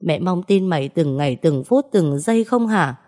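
A woman's voice: on the low side, lively intonation, normal speed, warm tone, close to an everyday voice. A woman voicing a grieving elderly mother who scolds her runaway son, wailing in reproach. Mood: distraught.

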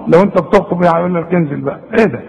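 A man with an Egyptian Arabic accent teaches Quran recitation, pitched high and speaking straight to his student. He corrects mistakes and models each sound himself. A long reverb trails behind his voice. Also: racing, vocal fry. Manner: animated, addresses the student directly and models the correct pronunciation. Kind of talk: Egyptian Arabic tajweed lesson.

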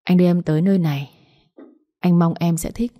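A caring, considerate young man in an audiobook romance, gentle and reassuring, as a woman reads him. Low, mellow delivery. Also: steady tone, brisk, lightly acted.

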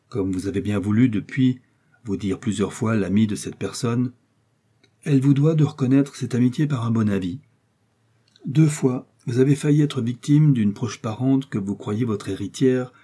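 A man reading soft, measured Aramis. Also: medium pitch, breathy edge, lightly acted. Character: Aramis, gentle self-assured scholarly musketeer man.

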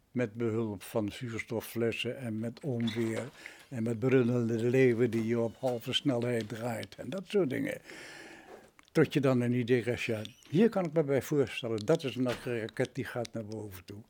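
A Dutch man in his nineties, a retired radio drama director, reminisces in an interview with a mid-range, darkish voice. He uses vivid examples and rhetorical questions, and there is slight background noise.

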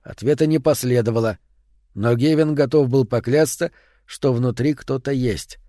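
A male audiobook narrator with a mid-pitched voice reads in a measured, even way. The sound is dry and close to the mic, with no room echo. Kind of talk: audiobook reading.

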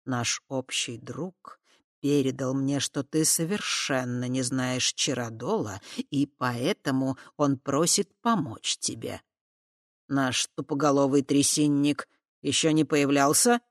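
A reader voicing a calm, kindly fat horned man who speaks softly and deliberately. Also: mid-range voice, dry recording, clean studio sound. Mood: courteous. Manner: slow, soft, measured. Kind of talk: audiobook character voice.

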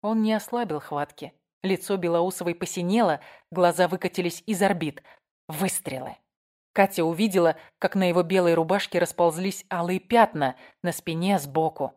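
A woman narrating a crime thriller audiobook in a measured, tense manner. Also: on the low side, a little mellow.

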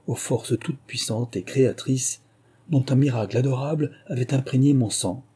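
A man narrating a literary short story in a slow, measured, lyrical manner. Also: mid-range voice, dark tone, slightly rough.

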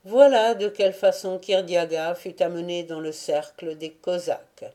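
A woman narrating a classic novel as an audiobook reader, in a measured, deliberate reading. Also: on the low side, fairly even intonation, mellow.

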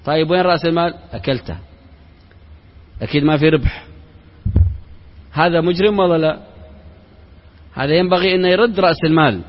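A man, an Islamic sheikh, giving a religious lecture built on rhetorical questions and parables, mixing formal speech with everyday colloquial words. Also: high-pitched. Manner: mixes formal Arabic with colloquial. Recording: reverberant hall, dull lo-fi sound.

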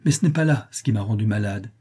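A man's voice: lowish voice, fast, warm tone, breathy edge. A man voicing a proud, unhappy orphan girl of about nine in an audiobook, speaking earnestly and indignantly.

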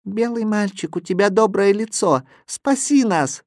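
Man doing a high pleading little boy. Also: animated, unhurried, no echo, clean studio sound. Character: small shivering boy begging for help.

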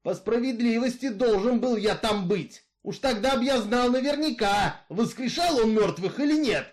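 A man voicing a bitter, brooding male outlaw killer in a read-aloud story, in a rough folksy way of talking. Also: sits high, big pitch swings, measured pace, darkish tone, pitched above the performer's own voice. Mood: fervent. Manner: rough folksy drawl, brooding, growling at times.

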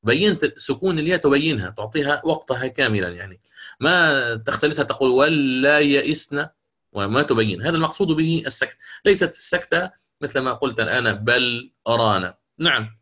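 A man teaching the rules of Quranic recitation in a lecture, explaining patiently, repeating key phrases and chanting verse examples slowly. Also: medium pitch, lively intonation, pushed and bright.

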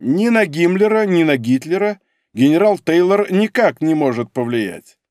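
Guy voicing a jealous old prof who squeals, high and jumpy, storybook reading. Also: expressive, normal speed, a little mellow, no echo, clean studio sound, natural voice. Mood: agitated. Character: shrill jealous older male German professor. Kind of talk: audiobook character reading.

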